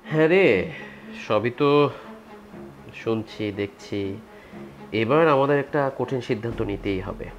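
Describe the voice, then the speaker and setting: A man's voice: mid-range voice, measured pace, pauses often, lo-fi sound, soft background music, close to an everyday voice. An actor playing a henpecked elder son who sides with his wife against his mother. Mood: lecturing. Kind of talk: village TV drama acting.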